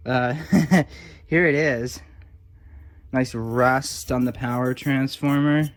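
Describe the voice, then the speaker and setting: Off-the-cuff hobbyist commentary comes from a man at a workbench, a restorer who hosts videos and slips in wry, sarcastic mutterings. He has a mid-range, somewhat bright voice.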